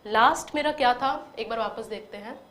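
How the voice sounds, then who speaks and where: A woman teaching an online spoken-English lesson, patiently explaining and modelling English phrases slowly with clear intonation. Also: fairly high pitch, a bit bright.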